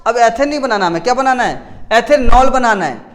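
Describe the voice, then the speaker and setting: High-voiced man teaching, quizzing the class. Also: lively intonation, a little fast, fairly bright tone. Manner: asks and answers his own questions, repeats key words; frequent self-corrections. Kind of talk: classroom chemistry lesson.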